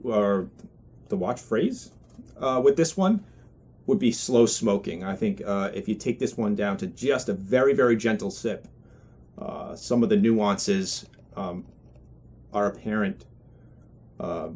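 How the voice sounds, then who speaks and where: A man giving a casual product review as a pipe tobacco reviewer, talking in a halting, deliberate, thoughtful way. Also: lowish voice.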